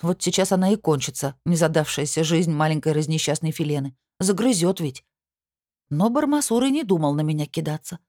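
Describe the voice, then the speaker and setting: A woman reads a first-person story aloud in a low, deep voice, with lively, wry storytelling. The sound is dry and close, with no room around it. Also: brisk, no room sound. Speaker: audiobook narrator. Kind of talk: first-person scripted narration.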